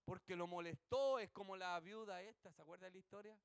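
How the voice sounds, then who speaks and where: High-voiced Chilean pastor preaching. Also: male voice, a little fast, smooth, no room sound. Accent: Chilean Spanish. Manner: animated storytelling with rhetorical questions. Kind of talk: sermon. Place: church.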